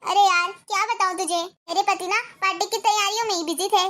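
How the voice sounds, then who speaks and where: A woman's voice: extremely high pitch, fairly even intonation, fairly quick, bright, forceful tone. A woman voicing a worried young wife confiding to a friend in a cartoon story.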